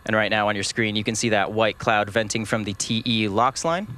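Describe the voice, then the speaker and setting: A man hosting a live launch webcast with measured, explanatory commentary. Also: fairly low pitch, fairly even intonation, pushed and bright.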